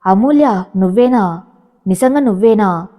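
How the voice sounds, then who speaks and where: A woman's voice: mid-range voice, lively intonation, measured pace, highs cut off, close to an everyday voice. A woman voicing a young male tycoon who is passionate and protective, speaking in urgent, emotional bursts. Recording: long hall reverb.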